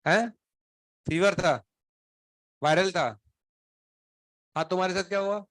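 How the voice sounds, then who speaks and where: He speaks at a measured pace in a high, steady, fairly bright voice, a male coaching teacher chewing out his class with stern sarcasm and grilling each student individually. His fever and troubled throat come through, and the recording is dry.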